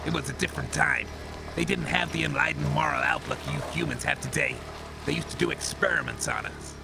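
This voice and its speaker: An actor playing a gruff, boastful, bitter centuries-old cyborg drifter in a comic audio drama. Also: male voice, fairly high pitch. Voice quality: gravelly. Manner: brusque, irritable, swaggering. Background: music bed.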